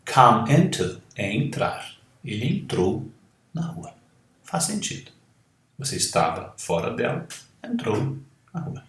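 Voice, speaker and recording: A man teaching English as a second language, speaking at an unhurried, deliberate pace with a lot of rise and fall in his pitch. He draws out his model words carefully, and the room around him rings with an echo. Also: big pitch swings, a bit bright. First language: Portuguese. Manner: slow, careful, drawn-out model pronunciations. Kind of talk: language lesson. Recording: echoey room.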